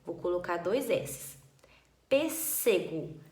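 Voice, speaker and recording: A woman teacher takes a young class through a spelling lesson. She talks at an unhurried, slow pace and stretches words out to sound them. The recording has a roomy echo around her. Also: mid-range voice, lively intonation.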